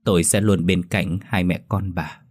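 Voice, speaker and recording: A man's voice: low-pitched, fairly even intonation, moderate pace. A man reading the lines of a soldier husband's ghost, tender and sorrowful.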